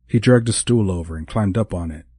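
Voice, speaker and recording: A man narrating a romantic comedy audiobook in a measured, even reading. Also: deep voice, slightly rough, dry recording, studio quality.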